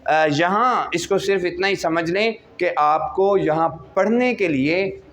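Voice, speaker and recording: Teaching recitation to a class, a high-pitched man with a somewhat bright voice and a Pakistani Urdu accent stretches sounds out slowly as examples. He asks his own questions and supplies the answers.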